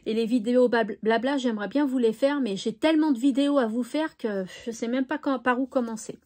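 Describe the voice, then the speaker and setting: A woman's voice: on the high side, a little fast, warm tone. A woman chatting cheerfully to viewers on her crafting channel, with little "hop" sounds as she sorts things. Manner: chatty, cheerful, says "hop" while sorting. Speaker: scrapbooking YouTuber. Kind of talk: casual vlog chat.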